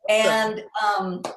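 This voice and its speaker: A woman in her sixties from Brazil, calmly telling her own life story as a guest speaker. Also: mid-range voice. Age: 60s. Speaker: guest speaker in a recorded video. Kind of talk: personal testimony. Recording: roomy echo.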